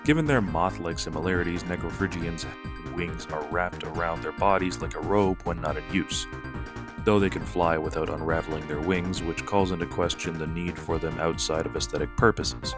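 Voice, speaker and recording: A man with a very low, deep voice narrates a scripted video essay. He puts on a deliberately pompous, mocking delivery, with faint music playing underneath.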